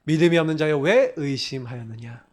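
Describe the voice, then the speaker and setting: A man voicing Jesus during a sermon, giving firm, solemn commands in a lowered voice. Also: fairly quick, close to an everyday voice. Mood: rebuking.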